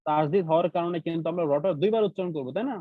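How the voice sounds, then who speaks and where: A man's voice: a little high, rapid-fire, dry recording. A man teaching Quran recitation rules in an online class with a Bangladeshi Bengali accent, explaining step by step and often checking that students follow. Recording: dry tinny call audio.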